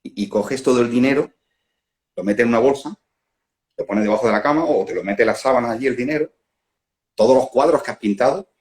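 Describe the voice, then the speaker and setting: Calm and musing, a Spanish man from Spain with a medium pitch thinks out loud during a reflective spiritual talk, chuckling at the examples he offers. He's a non-duality facilitator captured by phone on a live stream.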